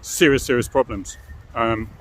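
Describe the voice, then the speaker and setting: This middle-aged British former police officer talks unhurriedly in a mid-range voice, with a little hiss or hum behind him. His informal explanatory monologue is frank and matter-of-fact, often punctuated by tag questions.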